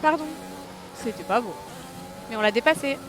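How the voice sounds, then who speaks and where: A woman with a slightly high voice speaks at normal speed while streaming a racing game, engine noise in the background. Her excitable live commentary is aimed at her audience, punctuated by yelps at her mistakes and self-mockery.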